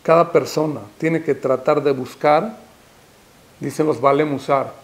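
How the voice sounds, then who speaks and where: A man's voice: on the high side, steady tone, measured pace. A man, a rabbi giving a Torah sermon, emphatic and rising to impassioned repeated calls, with Hebrew terms mixed in. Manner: peppers speech with Hebrew terms.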